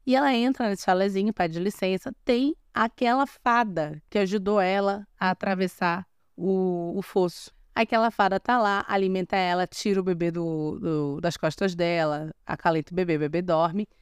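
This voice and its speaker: A young Brazilian woman retells a fairy tale in a loose, chatty way, breaking off for sarcastic asides and restarting her sentences. Her voice is smooth and clear. It sounds dry and close on a podcast mic. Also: lowish voice, steady tone, moderate pace, hardly any pauses, no room sound. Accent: Brazilian Portuguese. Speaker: podcast host. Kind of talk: casual storytelling with commentary.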